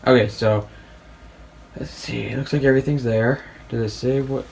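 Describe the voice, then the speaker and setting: A man's voice: mid-range voice, steady tone, normal speed, creaky, a little mellow. Man, casual tech commentary, hesitant and rambling, noisy recording. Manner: rambling, hesitant, thinking aloud. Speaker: tech hobbyist host. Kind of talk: casual commentary while unboxing and building a PC.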